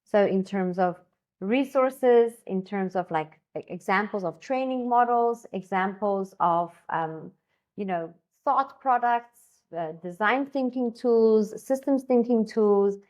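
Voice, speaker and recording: Taking it slowly in a slightly mellow, mid-range voice, a woman from South Africa talks eagerly in a relaxed conversation. An Afrikaans speaker who works as a co-founder and education designer, she rambles, often restarting and leaning on fillers.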